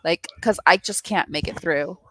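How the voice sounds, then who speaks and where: A woman's voice: fairly low pitch, normal speed, fairly bright tone, a little hiss or hum. A young woman hosting a reading session on a video call, chatting casually and laughing often. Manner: chatty, laughs often, trails off mid-sentence. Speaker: host of reading sprints. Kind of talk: casual chat.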